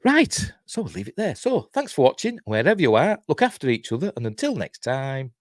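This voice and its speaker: In a brisk, mid-range voice whose pitch swoops wildly, a middle-aged Yorkshire man hosts his channel's TV-review livestream. The tone is casual and rambling, peppered with jokes at his own expense.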